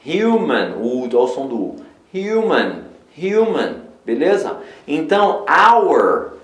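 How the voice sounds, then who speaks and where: A man with a Brazilian Portuguese accent teaching an online English lesson. He explains patiently, slows down to model the English words, and keeps checking in with his students. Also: on the high side. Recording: roomy echo.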